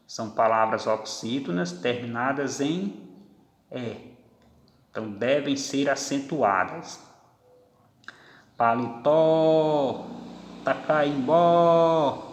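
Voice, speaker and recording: A male grammar teacher explains rules at an unhurried, deliberate pace. He draws out each example word clearly. The recording sits in an echoey room with a long, lingering reverb. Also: mid-range voice, lively intonation, fairly bright tone. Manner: slow, deliberate, stretches out example words. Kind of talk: classroom grammar lesson.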